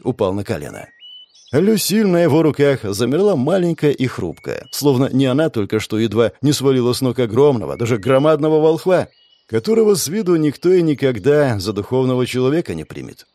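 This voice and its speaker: A man narrating an audiobook in an expressive, lively storytelling manner. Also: medium pitch, fairly quick, no room sound. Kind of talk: scripted narration.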